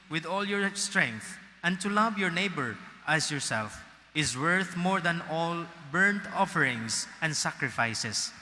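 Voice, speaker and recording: Male priest, Filipino accent, bright higher voice, slow, cathedral echo. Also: slight background noise. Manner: slow, deliberate delivery. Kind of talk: gospel reading and homily. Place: large cathedral. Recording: long cathedral reverb.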